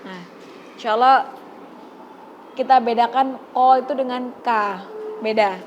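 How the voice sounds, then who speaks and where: A high-pitched woman leads a recitation lesson at an unhurried pace. She stretches each example out slowly and repeats it patiently, with a faint hiss of noise in the background. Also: muffled recording. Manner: patient, drawn-out model recitations. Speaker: Quran recitation teacher. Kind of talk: Quran pronunciation lesson.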